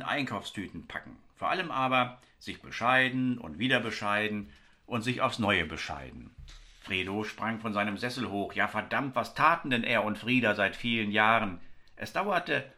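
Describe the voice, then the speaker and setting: A man's voice: medium pitch, bright, forceful tone. A man reading a story aloud with wry, ironic narration.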